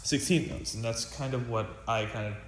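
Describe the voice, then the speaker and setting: Speaking at a moderate pace in a mid-range voice, a teenage student percussionist casually walks through snare drum practice at a drum pad in his practice room. He rambles, using plenty of fillers and restarting often. Loud hiss and room echo fill the recording.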